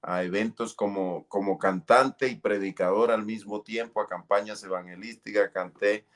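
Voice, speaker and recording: A man's voice: on the low side, steady tone, normal speed. A middle-aged man giving an earnest, fervent testimony in an interview. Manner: earnest, fervent, relives moments with cries and shouts. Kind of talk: emotional testimony.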